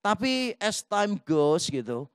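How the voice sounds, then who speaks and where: High-voiced pastor preaching with lively storytelling. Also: male voice, slow, smooth, no echo, clean studio sound. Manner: lively storytelling, acts out quoted dialogue; mixes in English phrases. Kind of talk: sermon.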